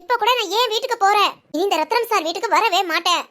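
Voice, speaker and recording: A performer voicing a bitter, defiant young bride who answers in sharp, curt retorts. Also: extremely high pitch, fast talker.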